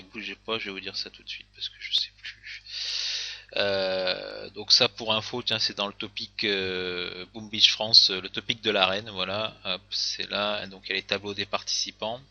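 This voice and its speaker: A man's voice: fairly low pitch, pushed and bright, lo-fi sound. A man casually commenting on game replays, hesitant, with many fillers and restarts.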